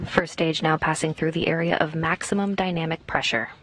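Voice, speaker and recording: A woman with a fairly low voice commentates live on a rocket launch. She speaks in a measured, informative announcer's way. There is faint noise behind her. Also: fairly even intonation, fairly bright tone.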